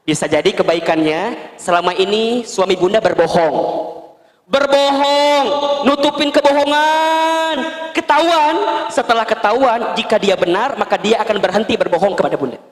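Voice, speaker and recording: Animated high-voiced Sundanese preacher. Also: male voice, fairly quick. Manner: animated storytelling, acting out scenes, gentle humor. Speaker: Islamic preacher. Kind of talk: sermon to a women's study group. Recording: long hall reverb.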